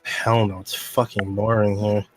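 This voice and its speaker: Chill guy running the game, kinda low voice, swears a lot, faint music behind. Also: level tone, measured pace. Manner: laid-back, swears freely. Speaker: dungeon master. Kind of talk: casual tabletop game narration.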